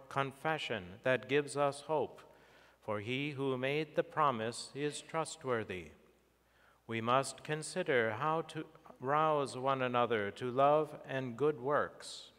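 A middle-aged male priest recites liturgy with solemn formality. His voice is smooth and resonant, and he takes his time over each phrase. The words ring out through a church microphone into a long cathedral echo. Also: mid-range voice, takes it slowly, a bit bright. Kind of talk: liturgical prayer and scripture reading. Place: large church sanctuary, at altar and lectern. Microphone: fixed church microphone on lectern or altar.

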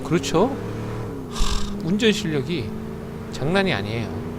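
A man streams a game with a playful, chatty voice that stammers and repeats itself. He talks high and lively, then bursts into loud flustered shouts. Car and game noise run clearly behind him. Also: a little slow. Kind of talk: live game commentary with chat.

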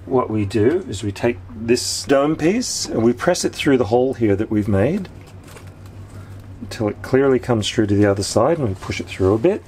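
A man's voice: medium pitch, lively intonation, normal speed, a little mellow. A man in his fifties on a sailboat deck, explaining step by step how he does a repair while working with his hands, recorded on the camera mic. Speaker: sailor showing a boat repair. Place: outdoor deck of a sailboat at anchor. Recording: outdoor wind and ambient noise.

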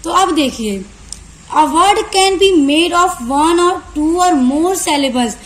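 High-voiced woman teaching a class. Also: expressive. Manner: reads English definitions very slowly, then explains fast and at length. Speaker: online tutor. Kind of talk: lecture for university students.

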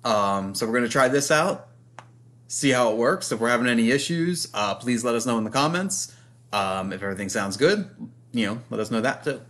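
A man co-hosts a casual live boxing stream. He talks in a loose, rambling way. His voice sits at an ordinary middle pitch. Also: lively intonation, fairly quick, a bit bright. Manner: rambling, many fillers and restarts. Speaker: podcast co-host. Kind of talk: casual live show chat.

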